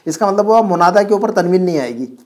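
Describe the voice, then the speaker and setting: A man's voice: high voice, expressive, fast talker. A man teaching an Arabic class from home, explaining each phrase patiently and quizzing his student.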